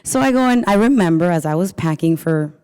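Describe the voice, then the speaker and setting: A woman from Peru gives a live workshop talk in a low, warm, relaxed voice. She tells stories in a chatty way and keeps asking the crowd questions. The sound carries a long reverb from the hall. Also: a little fast, clean tone. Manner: chatty storytelling, polls the audience with questions. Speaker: workshop presenter. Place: event room with a live audience.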